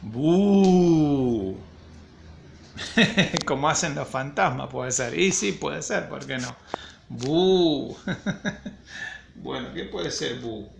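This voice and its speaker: A primary school teacher with a gravelly, bright, forceful voice of medium pitch leads a children's phonics lesson at a slow, patient rhythm. He sounds playful and encouraging, and faint room noise can be heard behind him.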